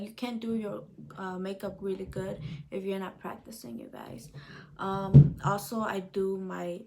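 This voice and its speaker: This vlogger, a woman in her twenties from El Salvador, answers viewer questions in a relaxed way, packing her speech with fillers and calling her audience "you guys." She has a mid-range, somewhat dark voice, and a slight hiss or hum runs under the recording.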